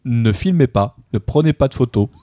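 Male co-host, animated, teasing, dry close mic. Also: mid-range voice, moderate pace, no room sound. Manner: teasing, joking. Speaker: podcast co-host. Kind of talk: casual roundtable chat.

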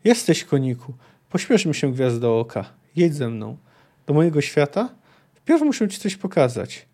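A man voicing an ancient, wise unicorn in a grave, measured audiobook-style reading. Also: on the high side, sing-song, dark tone. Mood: solemn.

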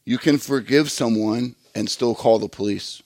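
Guy preaching a sermon, kinda gravelly, talks easy and earnest, dry sound. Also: medium pitch, normal speed, a little mellow, no echo. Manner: earnest, conversational preaching with repetitions. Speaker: pastor.

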